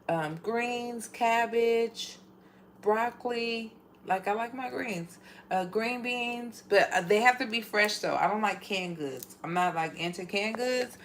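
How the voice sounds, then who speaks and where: A woman's voice: mid-range voice, slight background noise. A woman hosting a casual cooking livestream from her home kitchen, chatting as she works, repeating herself and using lots of fillers. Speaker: home cook livestream host.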